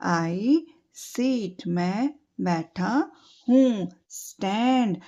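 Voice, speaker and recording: A woman's voice: mid-range voice, mellow. A woman tutor teaching English verbs to children, speaking Hindi, spelling out letters and asking and repeating simple questions. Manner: slow, drilling repetition with spelled-out letters and quiz questions. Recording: dull lo-fi home recording.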